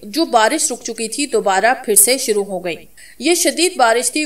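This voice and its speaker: A woman narrating a romantic story as a measured, dramatic scripted reading. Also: on the high side, far from the mic.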